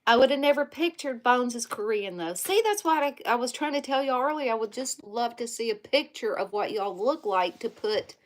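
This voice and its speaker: A woman's voice: on the high side, lively intonation, moderate pace, few pauses. A woman hosting a casual livestream from home, reading viewer comments aloud in a chatty way. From Louisiana. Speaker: livestream host.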